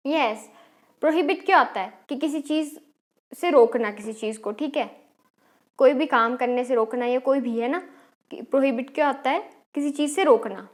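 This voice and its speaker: High-voiced Indian teacher woman quizzing. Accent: Indian English. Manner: explains step by step, quizzing the class with quick questions. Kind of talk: exam-prep English lesson.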